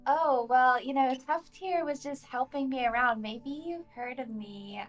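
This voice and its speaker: A woman's voice: sits high, measured pace, soft background music. Woman doing a gushing self-absorbed celebrity. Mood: charming. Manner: gushing, breathless excitement.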